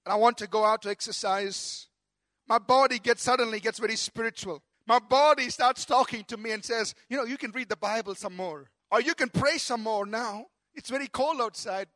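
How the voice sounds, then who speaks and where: A man's voice: extremely high pitch, fairly bright tone. A middle-aged male pastor preaching a sermon in an emphatic style, often asking the congregation for an amen.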